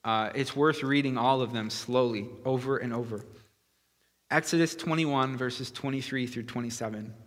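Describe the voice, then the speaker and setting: A man's voice: medium pitch, normal speed, fairly bright tone. A man preaching a conversational sermon, explaining earnestly with frequent fillers and restarts. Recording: long hall reverb.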